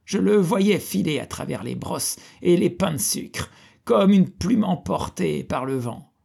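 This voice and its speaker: A gravelly, husky old man, frail yet quick-witted, crowing over the tale in a raised, lively voice, as the reader puts him on. He sounds pleased with himself. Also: fairly high pitch, voice pushed up, heavily acted. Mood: gleeful. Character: old man, weak but sharp, delighted.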